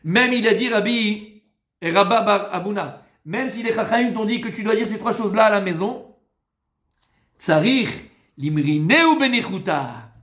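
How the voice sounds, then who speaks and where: A man, a rabbi, giving an informal Talmud lesson to a live group, familiar and teasing with his listeners, moving between loud urging and soft coaxing. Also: sits high, lively intonation, normal speed. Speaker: rabbi teaching a Torah class. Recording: echoey room.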